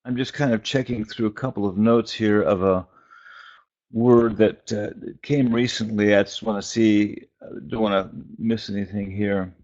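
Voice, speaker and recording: This is a preacher and spiritual teacher giving a casual, contemplative prophetic sermon on a conference call, his phrases short and hesitant with long gaps between. He speaks with a fairly low pitch and a steady, darkish tone. Captured through a phone line, the sound is dull and band-limited.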